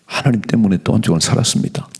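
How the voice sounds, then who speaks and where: Man, pastor, early-morning church sermon, gravelly, husky, animated. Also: fairly low pitch. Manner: animated preaching, slows to read scripture aloud. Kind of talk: dawn prayer sermon. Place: church sanctuary.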